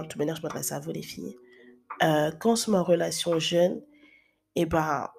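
Chatty husky-voiced woman in her thirties. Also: on the low side, a little mellow. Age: 30s. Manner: chatty, many filler sounds and restarts. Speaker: advice vlogger. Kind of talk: casual advice talk.

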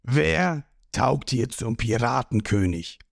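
Brief: a man putting on a blustering, boastful pirate captain, audio-manga style, sliding from high yells to low gravelly threats. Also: lively intonation, slow pace, dry recording, clean studio sound. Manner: blustering, shouting, mocking. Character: grown male pirate boss, boastful and hot-tempered.

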